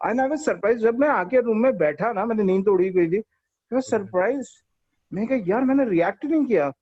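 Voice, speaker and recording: A man with an Indian English accent telling a personal story on an online call in casual chat, animated and switching between Hindi and English. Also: high-pitched, measured pace, no echo, lo-fi sound. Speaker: participant.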